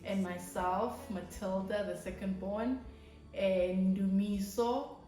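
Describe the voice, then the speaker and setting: Here a native Swati-speaking YouTuber from South Africa, in her thirties, chats casually while introducing herself to viewers. Her mid-range voice is warm with fairly even intonation, and she's cheerful, unhurried, and quick to laugh. The room is echoey.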